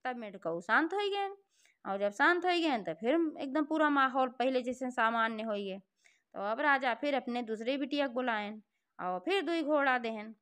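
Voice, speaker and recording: High, smooth woman telling a folk tale. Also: a bit bright. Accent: Bhojpuri-inflected Hindi. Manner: chatty, homely narration with filler address words. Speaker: storyteller.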